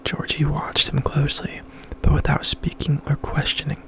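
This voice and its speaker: Male ASMR narrator, higher-set voice, whispering a novel close into the ear, breathy and intimate, very gravelly edge. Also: monotone, normal speed. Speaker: narrator reading aloud.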